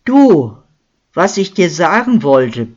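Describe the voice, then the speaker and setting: Narrator's take on a smug boastful miller man, slow and self-important, dull lo-fi sound. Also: a little high, big pitch swings, darkish tone, full character voice. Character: boastful lying male village miller, smug. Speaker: character in a crime story. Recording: dull lo-fi recording.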